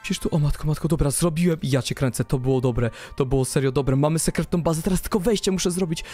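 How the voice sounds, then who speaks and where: A young man giving excited gameplay commentary, full of rapid exclamations and swinging between hushed talk and shouts. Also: fairly high pitch, faint music behind. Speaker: gaming YouTuber.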